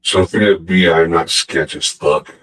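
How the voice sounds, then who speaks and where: A man's voice: low voice, steady tone, measured pace, a bit bright. A man talking casually while a voice changer alters his voice. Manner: unaware his voice is altered, checking if it sounds different. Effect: voice changer making the voice sound altered. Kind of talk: casual chat.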